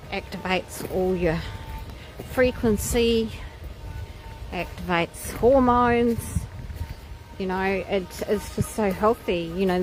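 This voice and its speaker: A woman vlogger guides a nature walk along a wooded trail, musing casually in live commentary and exclaiming in wonder. Her medium-pitched voice is a little mellow, and the low-quality recording picks up outdoor noise and birdsong.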